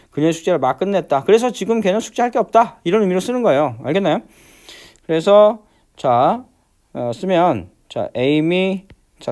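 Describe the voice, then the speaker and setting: A man teaching an English grammar lesson, walking through exercises step by step and constantly asking whether students follow, stretching out the English words slowly. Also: on the high side, a little mellow. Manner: repeats check-in questions, many fillers; slows down to spell out English words.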